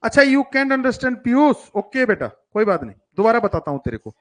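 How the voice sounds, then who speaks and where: A man's voice: extremely high pitch, big pitch swings, normal speed, a bit bright. A man teaching children math in a live online class, coaxing and teasing his pupils and mixing English terms into his talk. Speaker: coaching teacher for school entrance exams.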